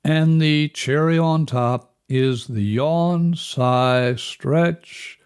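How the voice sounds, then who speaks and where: A man leading a guided breathing lesson as instructor, measured and instructional, counting out each step. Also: a little high, clear, resonant tone. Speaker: relaxation and breathing instructor, host.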